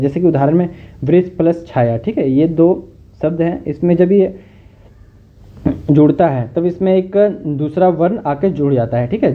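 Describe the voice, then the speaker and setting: A male teacher talks through a recorded lesson, patient and steady, often pausing to check that the listener follows. His voice sits a little high. The sound is narrow and tinny, like a phone line. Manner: explains patiently, often adds "theek hai". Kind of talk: recorded lecture.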